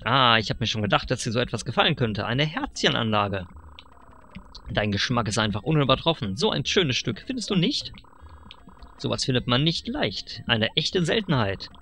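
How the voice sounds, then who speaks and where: A man voicing a sly, pushy fox furniture dealer who flatters with smooth sales patter. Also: mid-range voice, normal speed, slight background noise, exaggerated voice. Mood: wheedling.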